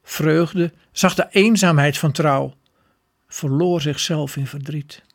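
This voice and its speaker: A man reading a scripted religious story in a measured, expressive way. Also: a little high, vocal fry.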